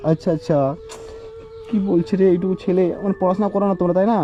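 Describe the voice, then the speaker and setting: Visiting a poor family in a village, a vlogger questions the children one question after another in an emotional, on-the-spot way, pleading and frequently breaking into tears. His voice is high-pitched with a flat delivery and quick pace, the recording muffled and loud music playing behind him.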